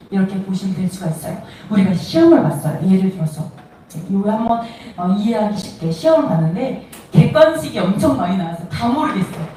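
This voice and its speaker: A woman's voice: medium pitch, dark tone. A woman preaching a sermon, talking animatedly with laughs and acting out quoted dialogue. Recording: echoey room, voice from a distance, faint noise.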